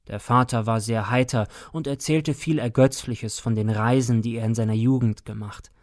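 A man reading a classic tale aloud in a measured, solemn and dramatic manner. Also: medium pitch, steady tone, no echo, studio quality. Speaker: audiobook reader. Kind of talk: scripted narration of a classic tale.

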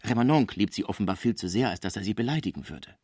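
A man voicing a sly male dealer who speaks in a smooth, placating way. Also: lowish voice, lively intonation, fast, a little mellow, no echo, studio quality.

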